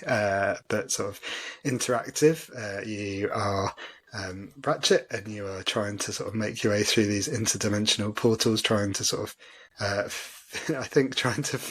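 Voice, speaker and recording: Male podcast host, fairly low voice, chatty and self-deprecating, loose delivery. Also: fairly bright tone. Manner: chatty, self-deprecating, many fillers and laughs. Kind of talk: casual chat.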